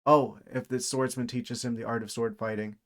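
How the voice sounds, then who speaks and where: A man giving casual live commentary as a game streamer, thinking aloud in a halting way. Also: medium pitch, flat delivery. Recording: video game music behind voice. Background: video game music.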